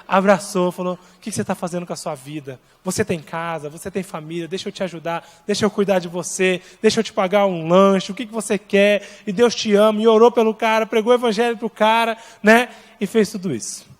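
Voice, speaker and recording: Brazilian pastor, male, high-pitched, acts out dialogue mid-sermon; reverberant sanctuary. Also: steady tone, brisk, hardly any pauses. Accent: Brazilian Portuguese. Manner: storytelling, acting out dialogue, swinging between hushed and loud. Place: large church hall.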